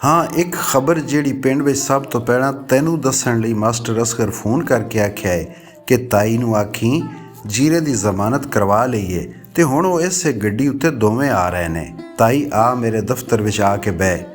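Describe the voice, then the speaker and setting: A man's voice: mid-range voice, moderate pace, faint music behind, lightly acted. A man reading a novel aloud, voicing a respectful middle-aged station master who speaks earnestly and coaxingly. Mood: pleading.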